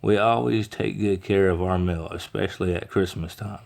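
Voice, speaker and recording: A man reading a storybook aloud, voicing a quick, matter-of-fact male postal clerk who takes pride in his work. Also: sits low, steady tone, creaky, darkish tone.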